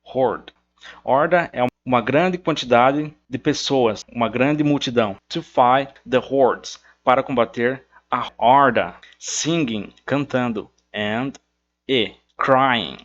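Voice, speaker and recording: A man teaching English from song lyrics, patiently repeating words slowly to show their pronunciation. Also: medium pitch, a bit bright, lo-fi sound.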